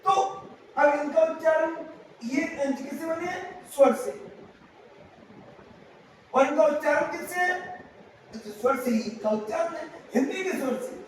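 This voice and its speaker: A man teaching English grammar in a classroom lesson, slowly and with lots of repetition, asking questions and answering them himself. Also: very high voice. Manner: slow and repetitive. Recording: very echoey room, from far off, faint noise.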